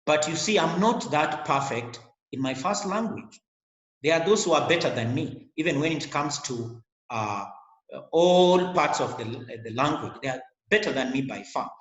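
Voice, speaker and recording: In a small, echoey indoor room, a middle-aged Kenyan man whose first language is a Kenyan language lectures online to a webcam in Kenyan-accented English. His fairly high voice is animated at a normal speed, and he speaks earnestly, repeating his words, though the audio sounds dull.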